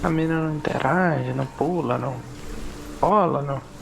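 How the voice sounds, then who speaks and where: A Brazilian man with a fairly high, noticeably creaky voice comments casually on a game. He mutters to himself in exasperated slang, with clear noise and game ambience behind him. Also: normal speed. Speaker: gaming video host.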